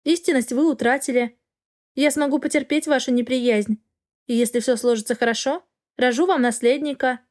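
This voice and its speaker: A woman's voice: high voice, steady tone, normal speed, natural voice. A woman voicing an arrogant young noblewoman in an audiobook, haughty and demanding. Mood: brazen. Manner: haughty, rising to shrieks. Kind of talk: audiobook character voice.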